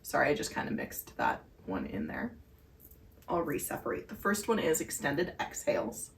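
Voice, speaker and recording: A woman's voice: low voice, huge pitch swings, moderate pace, gravelly, far from the mic. A woman co-hosting a podcast, earnestly explaining breathing exercises in casual chat with many fillers. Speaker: podcast co-host. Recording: echoey room heard from afar.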